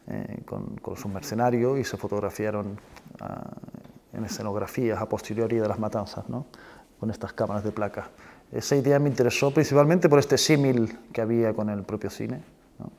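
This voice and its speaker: A film director from Spain and Chile reflects on his own work in an interview, his voice lowish, gravelly, and a little mellow. He searches for words and often ends phrases with a questioning tag.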